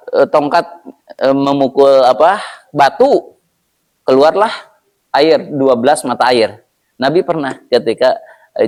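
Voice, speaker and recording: A man's voice: on the high side, darkish tone. A male preacher teaching an evening religious study in a conversational way, with frequent hesitant fillers.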